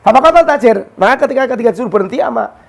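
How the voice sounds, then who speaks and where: High-voiced man telling a religious story. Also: very fast, gravelly. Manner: storytelling, mixes Arabic quotes with explanation, animated. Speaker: religious teacher. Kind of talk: casual religious discussion.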